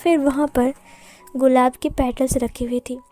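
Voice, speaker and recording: A woman's voice: sits high, little pitch movement, measured pace, mellow, faint music behind. A woman narrating a fan fiction story in a chatty storytelling manner.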